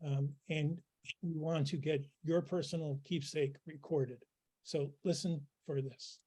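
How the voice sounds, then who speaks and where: A man with a fairly high voice hosts an online event. He has lost his voice and sounds hoarse. He talks haltingly, with lots of fillers. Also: fairly even intonation, mellow. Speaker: event host.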